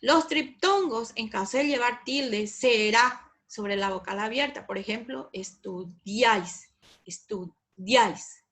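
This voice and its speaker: A woman's voice: fairly high pitch, unhurried, few pauses, a bit bright. A woman teacher with a Paraguayan Spanish accent giving a recorded class lecture, explaining patiently, repeating examples and checking with her students.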